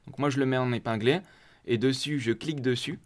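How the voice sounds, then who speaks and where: A man's voice: medium pitch, steady tone, a little fast. Chatty man hosting a how-to walkthrough. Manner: chatty and informal, walking viewers through clicks step by step. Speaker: host of a crypto community channel. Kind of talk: casual screen-share tutorial.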